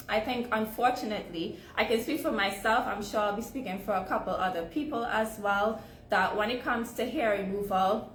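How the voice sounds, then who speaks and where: A woman's voice: medium pitch, fairly bright tone. A woman from Trinidad and Tobago with a Trinidadian accent, teaching a live online session on skincare for hair removal in a conversational way, often ending points with "right?". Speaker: sugaring educator. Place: home at evening, live stream. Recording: roomy echo, faint background noise.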